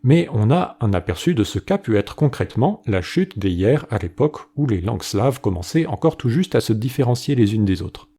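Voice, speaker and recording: A man giving a scripted educational narration about linguistics, explaining clearly and saying sample phrases aloud to show how they sound. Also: mid-range voice, big pitch swings, fairly quick, hardly any pauses, dark tone. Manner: clear explanatory delivery, demonstrates pronunciations.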